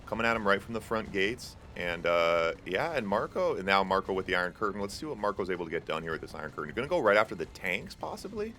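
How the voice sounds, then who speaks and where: Big pitch swings mark this low-pitched, bright, forceful voice as a young man casts a strategy game tournament he's also hosting. He races along with hardly any pauses, chatting casually, dropping lots of fillers and bantering with chat, while slight background noise is audible.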